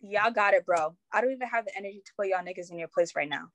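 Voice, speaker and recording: A woman's voice: medium pitch, fast talker, a bit bright, dry recording, close to an everyday voice. Young woman playing a tired, unbothered teen girl. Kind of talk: student stage play.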